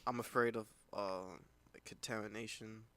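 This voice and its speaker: A man's voice: fairly low pitch, steady tone, measured pace, a bit bright. A young man co-hosting a casual podcast chat, rambling with lots of "like" fillers and frequent laughs. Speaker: podcast co-host.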